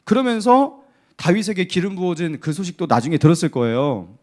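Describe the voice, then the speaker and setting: A man's voice: high-pitched, sing-song, fairly quick. A male pastor preaching a sermon in a church, putting rhetorical questions to the congregation. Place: church sanctuary.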